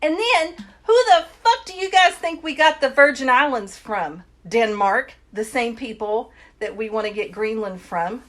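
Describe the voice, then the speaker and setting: A woman's voice: a little high, expressive, a little slow, hardly any pauses, fairly bright tone. A woman co-hosting a podcast, ranting in casual chat with lots of swearing and mocking impressions. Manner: profane, heated, mocking voices. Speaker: podcast co-host.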